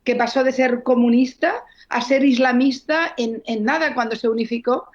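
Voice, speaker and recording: A woman's voice: a little high, fairly even intonation, moderate pace, highs cut off. A woman novelist, answering interview questions and telling stories earnestly, often correcting herself mid-sentence. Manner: fluent, earnest, with frequent self-corrections. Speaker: novelist guest.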